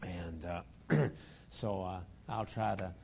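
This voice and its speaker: A guest preacher, hoarse from a cold, opens his sermon with jokes in a church auditorium, full of folksy, self-deprecating humor and chuckling asides. His male voice sits low and slow with a darkish tone, picked up on a lapel mic.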